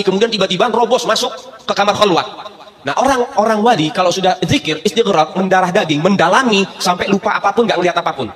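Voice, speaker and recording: Fast, high-voiced man telling a sermon story. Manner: animated, chuckling storyteller. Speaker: preacher.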